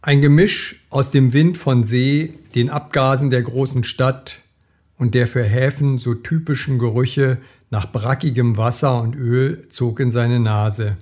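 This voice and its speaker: A man reading a thriller aloud in a measured, dramatic storytelling manner. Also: mid-range voice, fairly even intonation, darkish tone. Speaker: reader.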